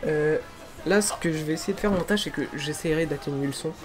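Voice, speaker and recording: Un jeune homme youtubeur, bavard et autodérisoire, qui explique son doublage amateur au micro de bureau, chez lui le soir. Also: male voice, a little high, quick pace. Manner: chatty, self-deprecating, excited. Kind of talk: casual amateur dubbing vlog. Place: room at home, late at night. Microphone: desk microphone.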